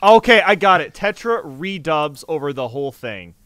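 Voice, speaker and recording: Excitable young man with a lively voice. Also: a little high, smooth, no room sound, clean studio sound. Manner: excitable, quick banter, prone to shouting gags. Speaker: podcast co-host. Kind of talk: casual gaming chat.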